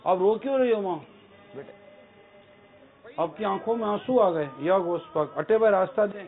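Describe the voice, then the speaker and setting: High-voiced man coaxing children, tinny. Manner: coaxing, teasing, affectionate. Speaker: religious scholar talking with children. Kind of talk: gentle playful talk with children. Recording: tinny phone-like sound with faint music.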